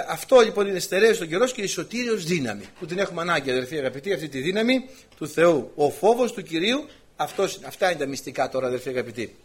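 A man's voice: sits high, breathy edge. A man preaching a sermon, retelling scripture stories with voiced quotes and direct questions to the congregation. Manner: animated storytelling with voiced quotes.

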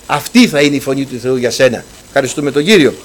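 A man preaching a sermon, addressing his listeners as brothers and reading scripture aloud, swinging between loud proclamation and hushed speech. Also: mid-range voice, expressive, slight background noise.

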